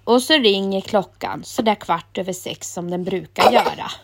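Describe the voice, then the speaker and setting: A woman calmly reading a children's story aloud in a gentle storytelling manner. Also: medium pitch.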